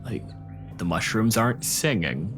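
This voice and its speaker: A man co-hosts a podcast panel about tabletop game monsters, explaining and arguing his points in a dry way. His voice sits on the low side, sing-song and unhurried, with music playing underneath the casual talk.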